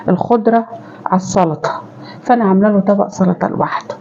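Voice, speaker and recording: A woman with an Egyptian accent talks to her viewers as she cooks in her home kitchen, chatty and affectionate, often turning to them fondly. Her voice is mellow and dark. The recording sounds dull and lo-fi. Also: medium pitch, fast, vocal fry, a little hiss or hum. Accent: Egyptian Arabic. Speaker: home cooking vlogger and mother. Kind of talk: chatty cooking vlog talk to viewers.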